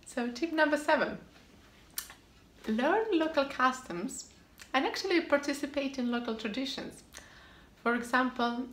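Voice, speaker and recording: Speaking to camera from an echoey room with faint ambience, a vlog host shares scripted advice on living abroad. Her high-pitched voice is a little bright, and her delivery is upbeat and emphatic, with short punchy answers repeated.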